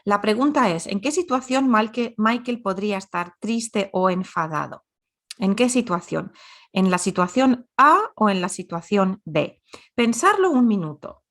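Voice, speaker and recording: A woman's voice: mid-range voice, expressive, a little slow, a bit bright. A woman teaching a grammar lesson, explaining patiently and repeating example sentences. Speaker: Spanish teacher.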